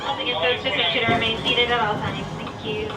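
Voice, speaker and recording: A woman train conductor making live stop and safety announcements through an outdoor loudspeaker, in a plain, slightly halting way. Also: steady tone, over loud music. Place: aboard a moving outdoor train. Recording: echoey distant loudspeaker over loud train noise. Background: rumbling train and outdoor ambience.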